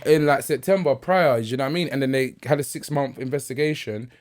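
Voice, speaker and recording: A man's voice: mid-range voice, brisk. A man with a south London accent chatting casually in an interview, using street slang and frequent tag questions. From Lewisham, south London. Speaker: music artist guest on a prison podcast.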